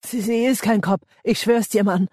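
A man reading an audiobook voices a desperate young man who pleads for his life in a strained, high voice. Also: fairly even intonation, moderate pace, a little mellow, no room sound, studio quality. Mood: pleading.

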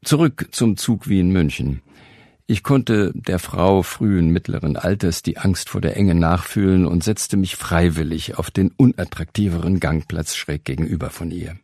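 Dry, gravelly low-voiced man reading ironically. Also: moderate pace, warm tone, no room sound. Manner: dry, ironic storytelling with wry asides. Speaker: narrator. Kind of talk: reading a humorous first-person column.

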